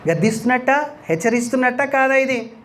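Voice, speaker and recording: Emphatic high-voiced male preacher. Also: expressive, fast, fairly bright tone, a little hiss or hum. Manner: emphatic, rhetorical questions, repeats scripture lines aloud. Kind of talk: sermon.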